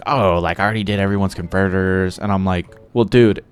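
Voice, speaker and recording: A man's voice: deep voice, level tone, quick pace, clean tone. A young man telling a long, rambling story about work in a casual way while playing a game, full of filler words. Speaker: gaming vlogger.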